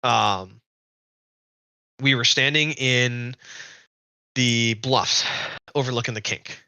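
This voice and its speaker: Bright, dry-voiced man telling racing stories. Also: medium pitch, takes it slowly, clear, resonant tone, no echo. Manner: rambling, animated anecdotes with restarts. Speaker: guest racer. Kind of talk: casual storytelling on a podcast.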